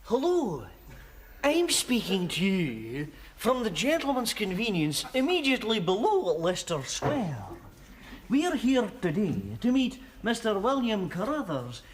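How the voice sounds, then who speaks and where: An actor playing a stiff, mock-formal TV street reporter with an odd put-on accent, interviewing a guest. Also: male voice, sits high, a little hiss or hum. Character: pompous male TV street reporter.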